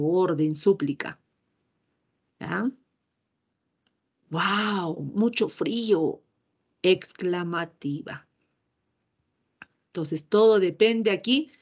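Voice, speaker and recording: A woman's voice: fairly low pitch, darkish tone, husky, dull audio. A woman teacher giving a grammar lesson, explaining patiently and often checking in with short tag questions.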